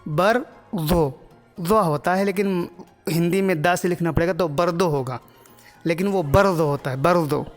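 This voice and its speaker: Male language teacher, patient and repetitive, casual lesson delivery, voice ringing in a long reverb with soft music beneath. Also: a little high. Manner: patient, repeats each phrase several times.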